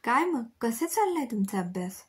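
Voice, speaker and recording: A strict middle-aged father, worn out after work, speaks, as a woman reads his part. The voice stays breathy and soft. He gives short, firm requests in a storybook manner. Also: a little high, big pitch swings, moderate pace, full character voice. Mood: gentle. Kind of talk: storybook reading.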